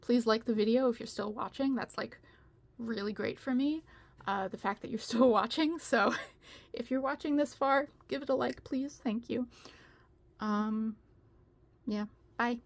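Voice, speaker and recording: A woman's voice: on the high side, moderate pace, gravelly. A woman hosting a casual video from home, rambling and chatty with frequent laughter. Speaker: video host.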